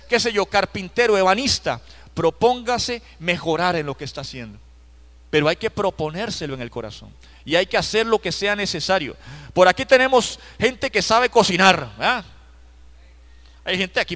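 Male pastor, Costa Rican accent, high-pitched, emphatic, questions the congregation, live church sermon. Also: sharp tone. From Costa Rica. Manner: emphatic, repeats key phrases, asks the congregation direct questions. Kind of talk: live Bible study sermon.

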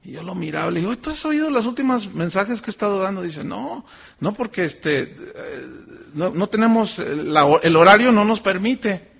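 A man, preaching as a pastor, telling a story with lively acted-out voices. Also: normal speed, creaky, breathy edge. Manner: animated, acts out quoted voices with sudden high pitch jumps. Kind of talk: sermon with storytelling. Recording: dull lo-fi sermon recording.

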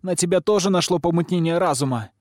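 A man voicing a fiery, quick-tempered young noblewoman who exclaims and scolds. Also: high voice, a little mellow, no echo, studio quality, voice pushed up, close to an everyday voice. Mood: scolding.

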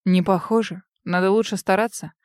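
A woman voicing a tired, tender man who pleads quietly in an audiobook. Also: steady tone, a little fast, no echo, studio quality, natural voice. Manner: soft, lowered, hushed delivery.

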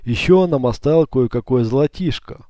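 A man's voice: mid-range voice, a little fast, warm tone, no room sound, studio quality, natural voice. A man reading a curt, sardonic gang leader. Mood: matter-of-fact. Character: tough male gang leader, calm, commanding. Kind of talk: audiobook character voice.

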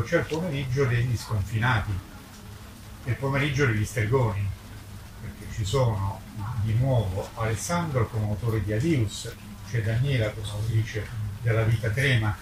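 A medium-pitched man, a book publisher, presents a literary festival at a live public book event. He's emphatic and polemical, drifting into digressions with long, drawn-out hesitations, recorded from a distant mic in an echoey, noticeably noisy space.

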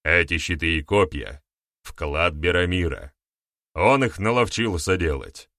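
A man voicing a stern middle-aged war chief who speaks forcefully and with emphasis, in a storybook reading. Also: sits low, lively intonation, measured pace, no room sound, studio quality, exaggerated voice.

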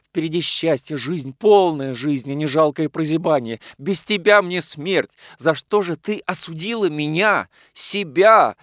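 A man voicing a passionate, hot-tempered young man in an audiobook, loud and pleading with a raised voice. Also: a little high, dry recording, studio quality, voice pushed up, lightly acted. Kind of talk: audiobook character reading.

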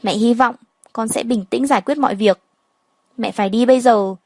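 A gentle older mother-in-law, read by a woman narrator in a storybook, coaxing and confiding in a fairly high voice. The sound is dry and close. She talks calmly, as if sharing a secret. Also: moderate pace, no echo.

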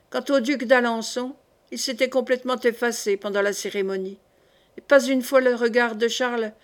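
Woman audiobook narrator, steady storytelling, slightly high pitch. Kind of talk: scripted narration of a historical novel.

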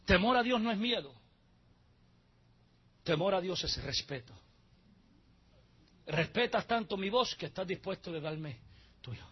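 A male pastor preaching a sermon into a handheld mic in a church, swinging between hushed passages and shouted climaxes. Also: high voice, lively intonation, a little slow, long pauses, slightly rough, dull audio.

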